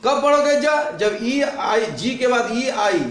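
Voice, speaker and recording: A male teacher with a very high voice works through a lesson in front of a board. He keeps asking his class questions and repeating the answers back. The sound rings around a roomy, echoey classroom. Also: animated, slow, fairly bright tone, a little hiss or hum.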